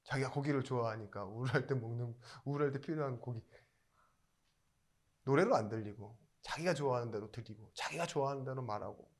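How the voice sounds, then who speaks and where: Pastor man preaching with sudden loud bursts. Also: mid-range voice, a little fast, slight background noise. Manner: conversational storytelling with loud emphatic bursts; asks the congregation questions. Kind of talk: sermon.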